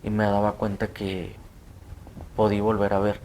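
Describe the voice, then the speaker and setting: A young man with a Mexican Spanish accent gives a personal testimony in a low, even, flat voice. He speaks haltingly and stops often on fillers. A faint hiss sits under the studio recording. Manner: halting, hesitant, with many fillers. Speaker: interview guest, attack survivor.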